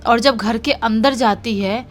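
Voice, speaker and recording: A woman's voice: fairly high pitch, a little slow, soft background music. A woman narrating a horror story in a casual, conversational way, repeating lines for emphasis.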